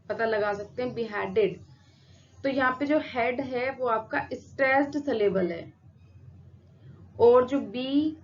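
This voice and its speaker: A woman teacher explaining a lesson slowly and patiently, repeating each example word. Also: a little high. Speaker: English teacher. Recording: dull lo-fi sound with faint noise.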